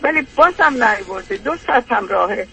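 A woman's voice: mid-range voice, animated, vocal fry, fairly bright tone, a little hiss or hum, rough recording. An older woman calling in, rambling through an aggrieved personal complaint with many hesitations.

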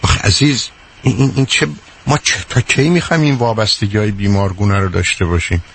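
A man's voice: fairly low pitch, steady tone, a crowd in the background. Middle-aged guy on call-in radio, blunt and sarcastic with callers. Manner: sarcastic, scolding, teasing. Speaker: radio call-in advice host.

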